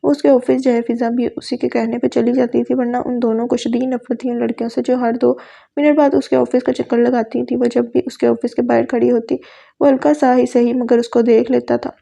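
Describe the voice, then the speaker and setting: A woman narrating a romantic audio novel in a steady reading voice. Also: on the high side, creaky.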